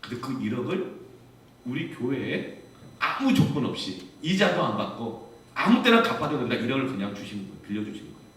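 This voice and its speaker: A male pastor preaching a sermon, telling a personal testimony in an animated way and acting out the voices of others. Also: medium pitch, fairly quick. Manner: animated storytelling, voicing others in the story. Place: church sanctuary. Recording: echoey church hall from far off.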